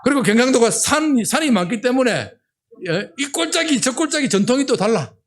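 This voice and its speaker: An older man with a Gyeongsang accent preaches from a church pulpit. His voice sits high for a man and swoops up and down with lively expression. He jokes and keeps prodding the listeners for a response. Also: fairly quick, slight background noise. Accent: Gyeongsang Korean. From Gyeongsang region of Korea. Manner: animated, humorous, keeps asking the congregation "예?". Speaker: senior pastor. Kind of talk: sermon. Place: church sanctuary.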